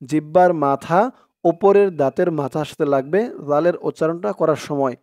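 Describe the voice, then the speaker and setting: A man teaching Quran recitation word by word, explaining each letter with slow, careful speech and chanting verses in long, drawn-out tones. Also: on the high side, darkish tone, no echo, studio quality. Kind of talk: word-by-word Quran spelling lesson.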